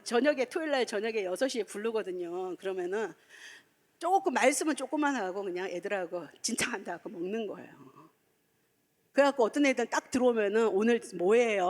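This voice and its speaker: Animated woman preaching with a high voice. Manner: animated, emotional, heartfelt storytelling. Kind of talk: sermon. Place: church sanctuary.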